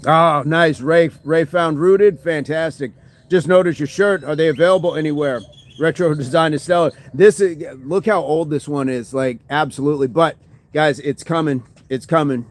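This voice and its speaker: Speaking at normal speed in a voice on the high side, a man hosts a fitness livestream, chatting casually and reading viewer comments. He laughs often and thanks people by name.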